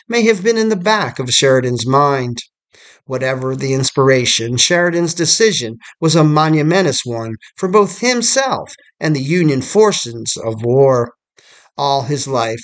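A man reading a scripted history documentary narration in a measured storytelling manner. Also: medium pitch.

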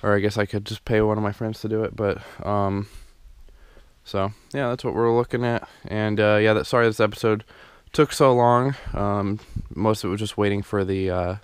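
In a casual, meandering tour of his unfinished basement, a young DIY renovation vlogger keeps saying um and starting over. His lowish voice holds a level tone at normal speed. Though it's shot on a handheld camera mic while walking, the audio is clean with no room sound.

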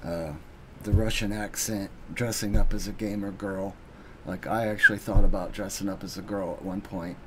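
A man giving an earnest, halting thank-you speech on his live stream, pausing often with ums. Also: fairly low pitch, fairly even intonation, background noise. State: getting emotional.

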